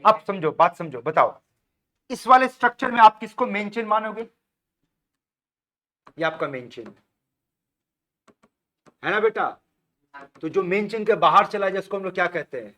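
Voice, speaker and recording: Male chemistry teacher, slightly high voice, coaxing classroom drill style. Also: expressive, moderate pace, long pauses, fairly bright tone. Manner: coaxing, repeats answers, calls students beta.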